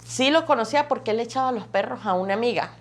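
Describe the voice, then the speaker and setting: A woman's voice: a little high, fast. Woman telling her testimony. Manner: vivid, repetitive storytelling that piles up phrases. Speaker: testimony guest. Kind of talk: emotional personal testimony.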